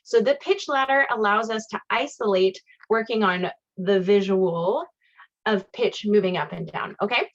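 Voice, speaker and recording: A woman's voice: mid-range voice, moderate pace, highs cut off. A woman teaching an online ear-training class, cheerful and encouraging, singing solfege scales for her students to echo. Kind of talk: online music class, sung demonstrations. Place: video call class.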